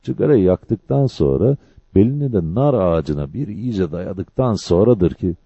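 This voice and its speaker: Brief: male storyteller, deep and very dark, husky, dry and lo-fi. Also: animated, normal speed, no room sound. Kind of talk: scripted story narration.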